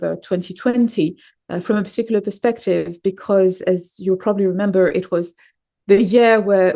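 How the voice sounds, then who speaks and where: Thoughtful woman from Morocco, mellow voice. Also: medium pitch. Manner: thoughtful, hesitant with restarts. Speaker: guest author. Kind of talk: podcast interview.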